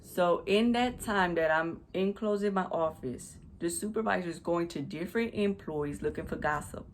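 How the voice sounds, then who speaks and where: A woman's voice: on the low side, normal speed, a little hiss or hum. A woman vlogger retelling a work story to camera, emphatic and repetitive with frequent restarts, recorded at home on a USB desk mic. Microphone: USB desk microphone.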